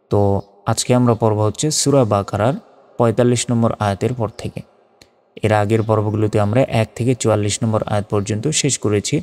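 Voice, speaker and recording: Male Quran reading teacher, methodical, chants verses slowly; low warm voice, long-reverb recording. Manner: patient, methodical, drawn-out chanted recitation of verses. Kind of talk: spelling out and reciting Arabic letter by letter.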